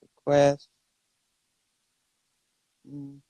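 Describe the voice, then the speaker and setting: Speaking very slowly in a mellow voice with no room sound, a man from Costa Rica hosts a casual live stream in English, though Spanish is his first language. He rambles and repeats words while searching for them.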